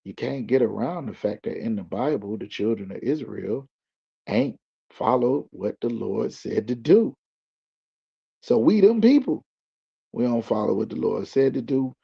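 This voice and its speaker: A man's voice: on the low side, gravelly, slightly rough. A man speaking as a guest in loose slang, building his points like a preacher. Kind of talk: casual explaining. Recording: dull lo-fi recording.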